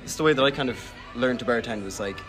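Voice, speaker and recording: A man's voice: medium pitch, fast, a bit bright. A man of twenty-two with a west of Ireland accent, chatting casually and loosely, with "like" sprinkled through his sentences. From Galway, Ireland. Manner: rambling, heavy use of "like". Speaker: bartender interviewed as guest. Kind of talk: casual chat. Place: in a bar.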